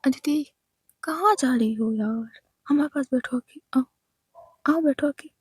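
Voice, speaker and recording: Woman doing a drunk, defiant young woman in a whispered role-play, taunting, high voice, dry sound. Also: unhurried, darkish tone, breathy edge, dry recording, full character voice. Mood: coaxing.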